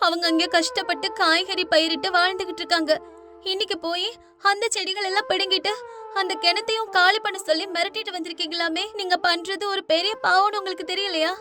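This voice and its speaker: A woman voicing a spirited young woman who scolds her parents indignantly and firmly in an animated cartoon dub. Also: extremely high pitch, a little fast, music in the background, voice pushed up. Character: spirited young woman, righteous and defiant daughter.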